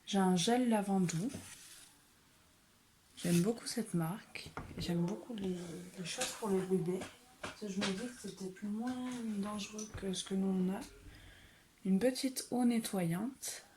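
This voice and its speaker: A woman vlogger chatting casually through a beauty haul, soft-spoken and often slipping into a whisper. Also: mid-range voice, moderate pace, noisy background. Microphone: phone.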